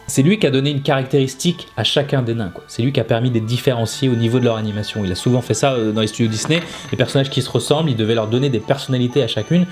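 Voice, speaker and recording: A medium-pitched man with a darkish tone teaches animation as a video host. He explains in a casual, informal style, often adding little tag words.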